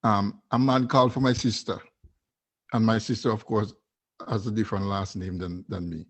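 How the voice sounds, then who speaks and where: Husky Vincentian man swapping stories. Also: on the low side, fairly even intonation, moderate pace. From Saint Vincent and the Grenadines. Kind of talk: casual storytelling and banter.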